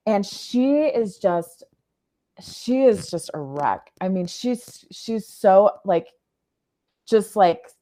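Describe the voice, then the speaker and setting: Warm in tone and medium in pitch, a woman guesting on a podcast tells a personal story earnestly. She often halts mid-thought to rephrase and find the right words.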